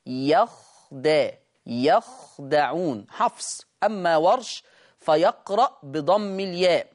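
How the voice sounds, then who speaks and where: Egyptian Quran teacher, brisk then drawn-out. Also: medium pitch. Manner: brisk explanation, slow drawn-out demonstration of words. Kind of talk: recitation lesson.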